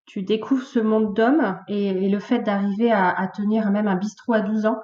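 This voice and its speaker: A woman in her late thirties, a podcast guest, telling her life story in a lively, casual way with many fillers. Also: medium pitch, moderate pace, highs cut off. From France, of Portuguese origin. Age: late 30s. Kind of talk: casual conversational interview.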